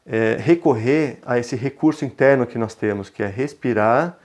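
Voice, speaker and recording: A man in his thirties with a Brazilian Portuguese accent, leading a parenting webinar in a calm, reflective, conversational way. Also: medium pitch, moderate pace. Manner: calm, reflective, gentle, often ending phrases with a questioning tag. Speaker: parenting educator presenting a webinar.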